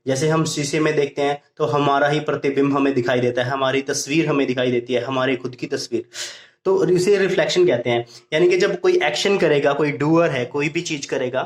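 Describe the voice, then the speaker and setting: A man teaching English grammar in Hindi. He explains step by step, repeats each point and reads English examples slowly. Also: on the high side. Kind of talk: Hindi-language grammar lesson. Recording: echoey room.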